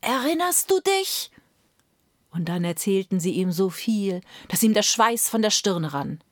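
A woman reading a fairy tale aloud, dramatic and measured, sometimes dropping to a whisper. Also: lowish voice, darkish tone, no echo, studio quality. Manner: slow, dramatic, drops to whispers. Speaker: storyteller.

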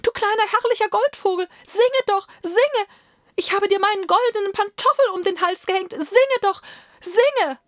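A woman's voice: fairly high pitch, lively intonation, unhurried, no echo, clean studio sound, voice pushed up. A woman voicing a dying old male emperor who begs desperately and cries out in panic. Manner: crying out in panic, begging.

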